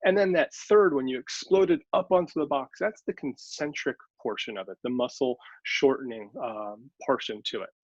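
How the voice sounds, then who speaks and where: Speaking at a normal speed with few pauses, this male sports scientist guest has a medium-pitched voice. He answers the interviewer like a patient teacher, walking through examples one step at a time, in dry, slightly dull audio.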